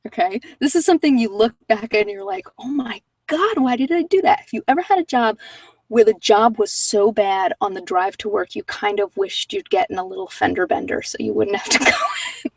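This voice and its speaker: A middle-aged American vlogger chats casually with live viewers, rambling candidly and digressing from one thought to the next. Her medium-pitched voice is a little fast with vocal fry, recorded on a distant mic with no room sound.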